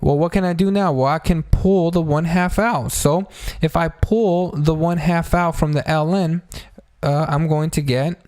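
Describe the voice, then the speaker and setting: In this informal math tutorial, a man walks through problems step by step, chatting with listeners as friends despite a sore throat from a blow that makes speaking painful. His voice is a little high and a bit mellow, steady in tone and unhurried, with no room sound in the recording.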